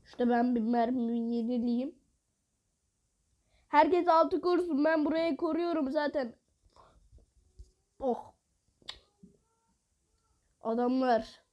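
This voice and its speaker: A woman giving live gameplay commentary, excitable, bursting into exasperated outbursts and taunting opponents while talking to her viewers. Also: sits high, takes it slowly, long pauses, lo-fi sound. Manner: addresses viewers directly. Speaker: mobile game player.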